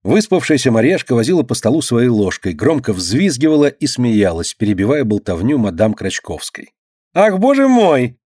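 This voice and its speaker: A man's voice: medium pitch, very animated, normal speed, few pauses, mellow, slightly rough, dry recording, clean studio sound. A man narrating a children's story expressively as an audiobook reader. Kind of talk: scripted narration.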